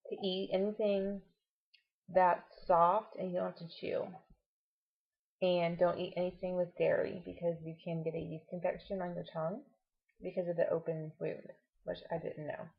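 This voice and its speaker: A woman with a lowish, husky voice talks casually to her viewers, explaining things and offering reassuring advice. Her tongue sounds swollen as she speaks. The recording is dull and muffled, like a lo-fi home video. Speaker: vlogger. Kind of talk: casual personal update to camera.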